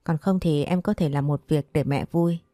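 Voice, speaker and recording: A woman reading the lines of a gentle, devoted young husband in an audio story, speaking tenderly. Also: low voice, steady tone, moderate pace, no echo, studio quality, lightly acted. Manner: tender, earnest.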